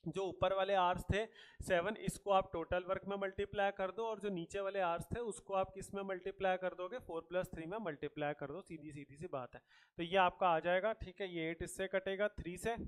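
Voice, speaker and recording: A man with a fairly high voice teaches a math lesson for exam preparation. He walks through each problem step by step and keeps checking that his students are following. He mixes English math terms into his Hindi. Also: a bit bright. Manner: explains step by step, often checks in with "thik hai" and "bachchon". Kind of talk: exam-prep math lecture.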